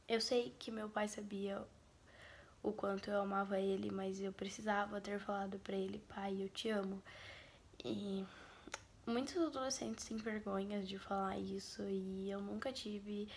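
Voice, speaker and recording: Brazilian girl vlogging a sad story, soft half-whisper, flat and gravelly, faint hiss behind. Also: mid-range voice. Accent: Brazilian Portuguese. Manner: grieving, sombre recounting. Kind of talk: personal storytelling to camera.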